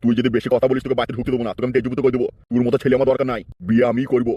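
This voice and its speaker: A man voicing a stubborn old father in a comic cartoon, talking in a gruff, bossy way. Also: medium pitch, flat delivery, racing, warm tone, highs cut off, lightly acted. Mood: stubborn, boastful. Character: stubborn old father who wants the bride for himself.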